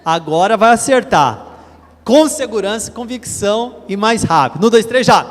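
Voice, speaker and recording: High-voiced pastor in a reverberant church. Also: male voice, moderate pace. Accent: Brazilian Portuguese. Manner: energetic, drills the crowd in chanted repetition. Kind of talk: sermon leading congregation call-and-response. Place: large church hall. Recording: church hall reverb, faint ambience.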